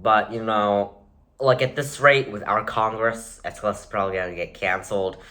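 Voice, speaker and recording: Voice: medium pitch, steady tone, moderate pace, bright, forceful tone. A space enthusiast delivering an escalating comedic rant, sarcastic and exasperated, with dramatic emphasis on repeated words.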